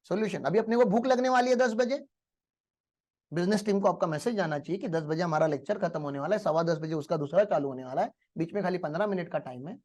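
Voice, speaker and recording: A man's voice: high-pitched, quick pace, darkish tone. A male teacher giving a motivational lecture in a classroom, telling stories and asking the class rhetorical questions.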